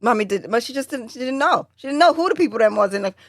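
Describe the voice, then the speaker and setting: Animated woman telling a family story. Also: rapid-fire, no echo, studio quality. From Jamaica. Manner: animated storyteller, acts out quotes with sudden high jumps. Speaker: podcast co-host. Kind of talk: casual storytelling chat.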